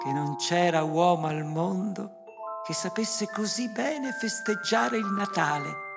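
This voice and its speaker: Slow, measured audiobook narrator. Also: mid-range voice, gravelly. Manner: measured, unhurried reading. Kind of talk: audiobook storytelling. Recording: glockenspiel music behind.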